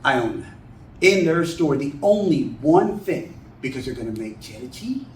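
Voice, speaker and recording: A man's voice: medium pitch, moderate pace, distant mic. Folksy older man, roomy. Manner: folksy, plain-spoken, animated. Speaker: author and guest speaker. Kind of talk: folksy storytelling talk to a writers' group. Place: meeting room. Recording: echoey room, mic from afar, faint hiss.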